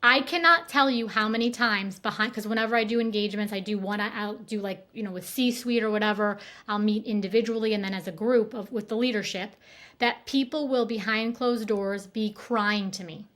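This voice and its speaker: A woman's voice: mid-range voice, moderate pace, a bit bright. A woman in her thirties, a guest consultant, talking earnestly and emphatically in a casual interview and speeding up in bursts. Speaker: guest consultant on workplace neuroscience.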